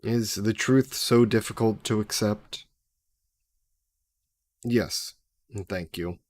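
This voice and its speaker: A man with a lowish, slightly mellow voice speaks slowly and without echo, playing a sly, possessive demon centuries old who is trapped in a necklace. He taunts the listener theatrically in this audio roleplay.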